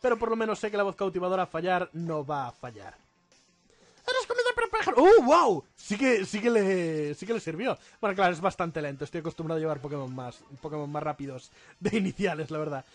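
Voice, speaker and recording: Guy doing joking lets play commentary, high and bouncy voice, bit of music under. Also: expressive, fast talker, no room sound. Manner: joking, laughs often. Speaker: gaming YouTuber.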